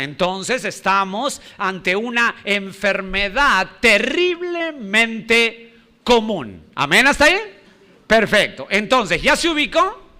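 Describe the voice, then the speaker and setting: High-voiced, emphatic male preacher. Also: bright, forceful tone, smooth. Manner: emphatic, repeats key phrases, quizzes the congregation. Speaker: pastor. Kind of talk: sermon.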